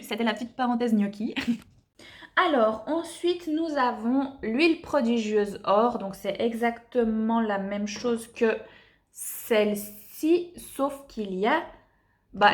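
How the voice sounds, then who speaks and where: A woman's voice: a little high, a little slow. A young woman reviewing beauty products in a chatty, enthusiastic way with lots of fillers. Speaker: beauty vlogger.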